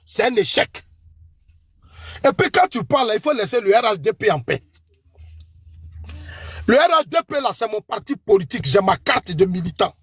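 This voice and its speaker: A man with an Ivorian French accent argues hotly in a political debate, calling out his opponent again and again and preaching warnings about God's judgment. His voice sits very high for a man and sounds husky, and the recording is dry and close. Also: big pitch swings, moderate pace, long pauses, a bit bright, no echo. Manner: accusatory, repeatedly calling out his opponent by name; preachy warnings invoking God.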